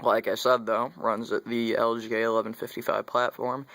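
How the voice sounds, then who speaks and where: Young man, casual rambling tech talk, self-correcting, mid pitch, dry recording. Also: level tone, normal speed, vocal fry, a bit bright, dry recording. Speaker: tech vlogger.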